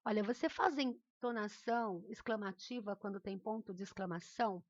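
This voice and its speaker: A woman's voice: mid-range voice, moderate pace, no room sound, muffled recording. A woman teacher with a Brazilian accent, giving a recorded remote lesson in a patient, encouraging way and often checking in with her students. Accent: Brazilian Portuguese.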